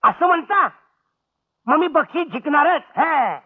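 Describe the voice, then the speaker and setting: A man's voice: extremely high pitch, lively intonation. An actor playing a cheeky young village man who teases and jokes, on a tinny old film soundtrack. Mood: teasing. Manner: quick, teasing, giggly banter.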